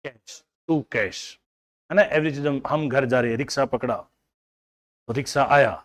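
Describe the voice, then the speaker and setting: A man with a mid-range, fairly even voice talks fairly quickly while teaching an accounting class. He explains with everyday household examples, mixes in English terms, and coaxes students to recall answers in this classroom lecture.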